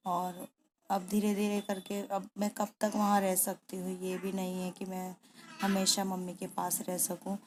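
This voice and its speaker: A young woman narrating her own vlog in a soft, quiet, subdued voice, grieving and tearful at times. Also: mid-range voice, completely flat delivery, measured pace, noisy background. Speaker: vlogger. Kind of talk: personal vlog voice-over.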